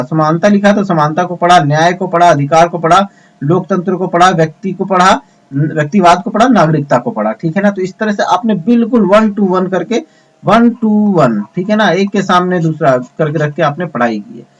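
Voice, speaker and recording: A man's voice: high voice, normal speed. A man teaching an exam preparation lesson, repeating points and asking his students rhetorical questions. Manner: repetitive, addresses students as friends, rhetorical questions. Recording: dull lo-fi sound.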